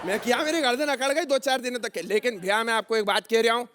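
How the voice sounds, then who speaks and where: A man playing a boastful Indori wrestler goon in a stage comedy sketch, loud and swaggering, with an Indori Hindi accent. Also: extremely high pitch, steady tone, quick pace, a little hiss or hum.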